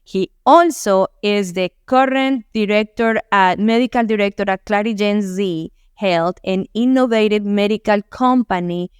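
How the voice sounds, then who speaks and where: A woman hosting a wellness podcast, speaking English with an accent and stressing key words slowly. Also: mid-range voice, clear, resonant tone, no echo, clean studio sound. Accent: non-native English. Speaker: podcast host. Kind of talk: podcast interview.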